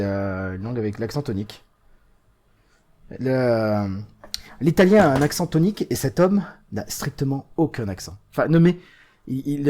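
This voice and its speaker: Chatty French-speaking gamer mocking a game. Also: male voice. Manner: chatty, mocking, frequent hesitations; lively swings in pitch and loudness. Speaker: let's play host. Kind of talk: casual gameplay commentary.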